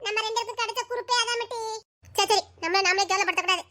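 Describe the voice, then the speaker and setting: A woman's voice: very high-pitched, rapid-fire, pushed and bright. A woman, playing two teasing girlfriends in a comedy skit with playful, melodramatic chatter. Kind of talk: village comedy skit dialogue.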